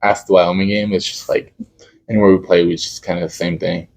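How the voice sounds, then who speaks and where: Low-pitched and darkish, delivered flatly over a slight hiss or hum: that's a young college football kicker from Dallas, Texas. Spanish is his first language, and in this casual interview he gropes for words, pausing with many fillers.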